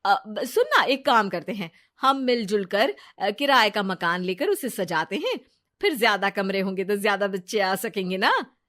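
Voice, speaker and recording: A woman's voice: medium pitch, very animated, normal speed, fairly bright tone. A woman voicing a scheming, jealous young woman who talks in a sly, pushy way.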